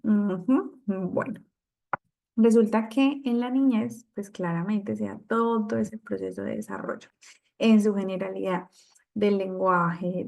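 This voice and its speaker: A woman's voice: mid-range voice, creaky, a little mellow. A woman instructor leading an online class over a video call, reading out and answering students' comments. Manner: reads out and answers participants' comments. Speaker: course instructor.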